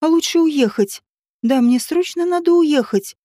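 A woman's voice: high-pitched, lively intonation, dark tone, no room sound, studio quality. Woman reading an anxious, pleading woman. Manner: pleading, hurried.

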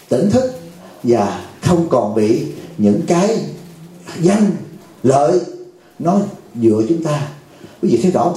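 A Buddhist teacher with a warm voice on the high side gives a joking, conversational dharma talk at a retreat. He often asks the audience "right?", and the hall is very echoey.

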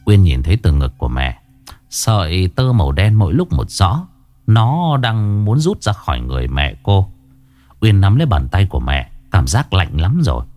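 A man narrating a horror story in a dramatic, measured way. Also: low voice, big pitch swings, darkish tone, soft background music.

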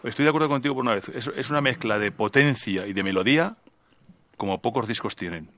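Fast, bright-voiced radio host. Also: male voice, medium pitch, dry recording. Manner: blunt, slangy, drops interjections like "joder" and "macho". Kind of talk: casual radio chat about rock records.

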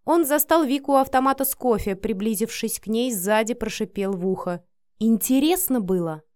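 A woman narrating a novel as an audiobook in a measured, steady reading. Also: a little high, no echo, clean studio sound.

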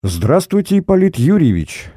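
A man voicing a calm, mocking former agent who threatens an old officer, menacing and cold. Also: on the high side, moderate pace, slightly rough, dry recording, clean studio sound, pitched above the performer's own voice.

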